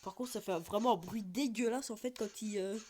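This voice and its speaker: A woman hosting a casual phone-game video, talking in a loose, rambling way full of fillers and false starts. Her voice sits at an ordinary middle pitch for a woman. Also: fairly quick, darkish tone. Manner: chatty, rambling with many fillers and restarts. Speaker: gaming YouTuber. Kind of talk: casual gameplay commentary.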